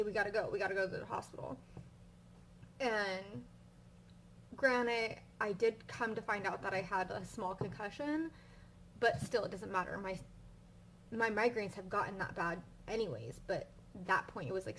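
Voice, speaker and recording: A young woman with a migraine chats casually to her viewers, rambling and full of fillers. She vents her frustration at a mid pitch. A faint noise sits behind her voice. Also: a bit bright, poor audio. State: suffering a migraine. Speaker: vlogger. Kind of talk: casual storytelling vlog.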